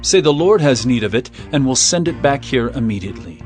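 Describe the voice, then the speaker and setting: An actor playing Jesus as an earnest, commanding teacher in a solemn, declamatory dramatized scripture reading. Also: male voice, medium pitch, lively intonation, a little fast, darkish tone, close to an everyday voice. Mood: instructing. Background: music.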